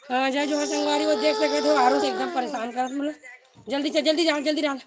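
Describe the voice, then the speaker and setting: High-voiced Chhattisgarhi woman cooking live. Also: steady tone, a little fast, heavy background noise. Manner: chats to viewers while hushing and directing a small child. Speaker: cooking vlog host. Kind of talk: casual live cooking stream.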